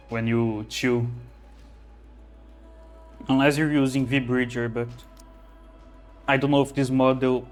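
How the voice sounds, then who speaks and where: Chatty male streamer, phone mic. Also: medium pitch. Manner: rambling, self-correcting, chatty. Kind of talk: casual streaming chat and reading game text aloud. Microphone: phone held close to the mouth.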